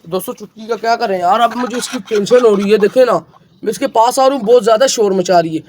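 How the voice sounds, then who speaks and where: High-voiced chatty man vlogging his hens. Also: quick pace, slight background noise. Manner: chatty, keeps addressing friends, excitable around the hen. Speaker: pet vlogger. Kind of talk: casual vlog commentary. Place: outdoors with chickens. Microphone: phone camera.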